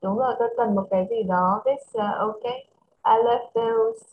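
A woman with a Vietnamese accent teaching English to a child over a video call, switching between English and Vietnamese and reading English phrases slowly. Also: fairly high pitch, sing-song, creaky, narrow, tinny audio, slight background noise. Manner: mixes English and Vietnamese, slow careful English. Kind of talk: online English lesson for a child.

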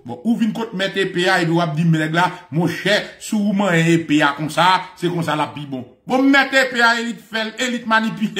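Haitian male preacher, high pitched and bright, animated delivery, roomy echoey recording. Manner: animated, laughing, swinging from shouts to low murmurs. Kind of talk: fiery preaching.

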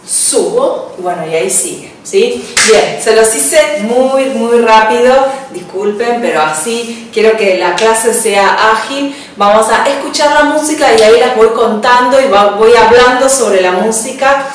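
A woman's voice: on the high side, measured pace, few pauses, distant mic, slight background noise. A woman counting dance steps in an echoey room. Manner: counts beats aloud while dancing, brief cues. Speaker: belly dance teacher. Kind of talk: counting and cueing a dance class. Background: dance music.

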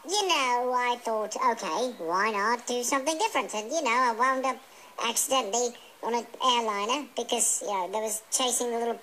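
A theatrical little British chipmunk with a very high voice. The creature hosts a comic radio phone-in, chatting fussily and politely in stammered repeats. The recording has faint noise, as if played from a TV speaker. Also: male voice, pushed and bright, exaggerated voice, poor audio. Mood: rambling. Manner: stammering, repetitive, over-polite. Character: fourth, forgotten chipmunk from England, chatty, fussy, theatrical. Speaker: phone-in host character.

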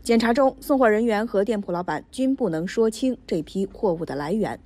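A woman's voice: mid-range voice, lively intonation, fairly quick, dark tone. A woman reading scripted news narration in voice-over.

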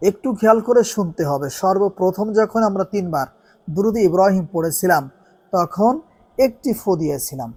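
A man's voice: high voice, darkish tone. Earnest man teaching a devotional practice. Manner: earnest, instructive, stretches recited Arabic phrases slowly. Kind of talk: religious instruction.

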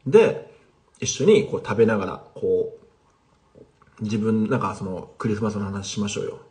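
A man's voice: on the low side, normal speed, a little mellow. A man teaching casually on a livestream, chatting with viewers and replying to their comments. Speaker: language teacher streaming live.

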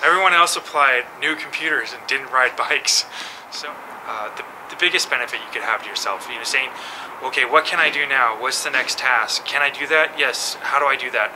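A relaxed man in his thirties chats in a loose, self-deprecating way, with a mid-range voice. The camera mic picks him up outdoors, and clear background noise runs under his words. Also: medium pitch, a little fast. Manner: easygoing, laughs often, self-deprecating. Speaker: mountain bike website staffer. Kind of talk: casual interview. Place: outdoors by a building wall. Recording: noisy outdoor camera audio.

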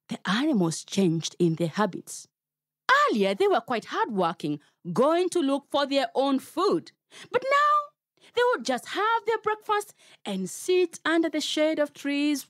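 A woman's voice: sits high, big pitch swings, measured pace, no echo, studio quality. A Kenyan woman telling a story to children, playful and talking straight to her young listeners. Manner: playful, addresses children directly.

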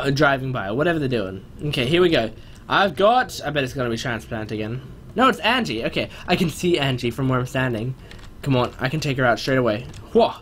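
In a small room at home, a young adult gaming host talks over gameplay with lively, excitable energy, frequently breaking off mid-thought and exclaiming. His voice sits a little high, and there's a slight hiss or hum in the audio. He was born in New Zealand and lived there for his first three years.

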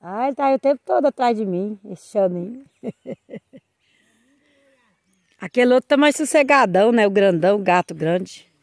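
A woman's voice: medium pitch, animated, moderate pace, pauses often, a little mellow, no room sound, clean studio sound. A woman, filming her family's farm animals on her phone, chatty and laughing often, talking sweetly to the calves. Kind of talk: casual chat while filming. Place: farm outdoors. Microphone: phone held while filming.

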